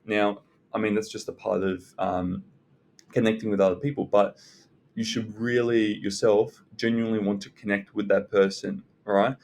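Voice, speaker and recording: A man giving unscripted self-development advice as a content creator, speaking in a hesitant, halting way with pauses. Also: fairly low pitch, little pitch movement, darkish tone, a little hiss or hum. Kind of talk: unscripted advice talk to viewers. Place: indoors in a library.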